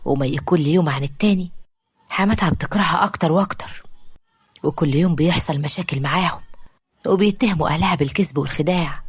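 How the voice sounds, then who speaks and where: A woman with an Egyptian Arabic accent narrating a dramatic story in a steady storytelling manner. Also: low voice, fast talker, husky, no room sound.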